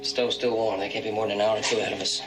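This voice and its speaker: An eager young ranch son, played by a man talks fast and keenly in a lowish voice. An orchestral score sits behind him on an old TV western soundtrack. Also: little pitch movement, music in the background, natural voice, poor audio. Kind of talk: 1960s TV western acting.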